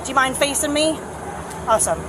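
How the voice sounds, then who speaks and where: Noisy street bodycam, lady cop with a highish voice giving test instructions, patient but firm. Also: lively intonation, brisk. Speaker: police officer. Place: outdoors at a roadside. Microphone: body camera. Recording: noisy outdoor bodycam, traffic around.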